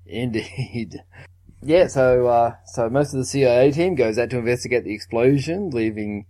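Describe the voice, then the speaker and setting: A man's voice: medium pitch, moderate pace, warm tone. A man co-hosting a podcast, casually retelling a film's plot with occasional chuckles. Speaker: podcast co-host. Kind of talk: casual film recap chat.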